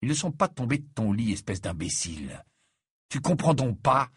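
A man's voice: on the low side, very animated, fairly quick, husky, no room sound, clean studio sound, exaggerated voice. A man voicing an exasperated, level-headed teenage boy wizard in a storybook reading, impatient and incredulous. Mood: frustrated.

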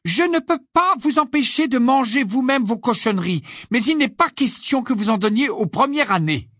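A man's voice: fairly high pitch, fairly quick, no echo, studio quality, voice pushed up, lightly acted. A man voicing a bossy, determined teenage girl witch who speaks sharply. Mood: threatening.

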